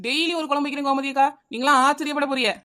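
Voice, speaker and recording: Chinnaponnu, a scatterbrained adult housewife in a comedy cartoon, chatters and wheedles in a Kanyakumari Tamil accent. Her high voice is bright and forceful, with fairly even intonation, and she talks fast while returning again and again to the same name.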